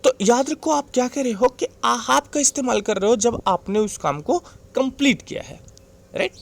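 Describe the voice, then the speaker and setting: Patient Indian teacher checking in often. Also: male voice, very high-pitched, moderate pace, vocal fry. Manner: patient, repetitive, checks in with "right?". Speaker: English teacher. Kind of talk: classroom lesson explaining grammar.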